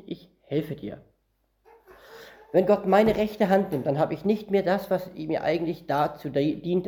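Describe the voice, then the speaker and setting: A man from northern Germany delivers a Bible-teaching sermon, reading verses aloud and unpacking them word by word in a conversational style. His voice sits high and has a dark tone.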